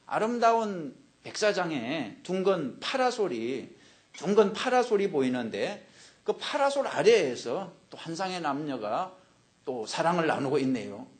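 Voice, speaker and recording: A man's voice: on the high side, very animated, a little slow. A man voicing an indignant male patient in a joke, describing what he sees and then protesting. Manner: defensive, rising to an angry protest. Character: indignant man at a psychiatrist's office.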